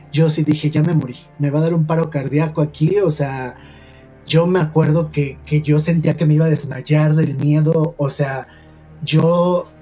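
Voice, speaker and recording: A man with a Mexican accent, a podcast host from San Luis Potosí telling a personal paranormal story in an earnest, hushed way with many fillers. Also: on the high side, slightly rough.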